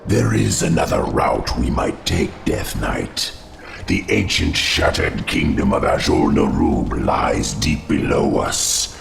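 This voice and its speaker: Cavernous, gravelly undead insect lord. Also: male voice, a bass voice, animated, music in the background, full character voice. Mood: grave counsel. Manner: formal, measured, courteous. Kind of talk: fantasy game voice acting. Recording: echoing voice with noise behind.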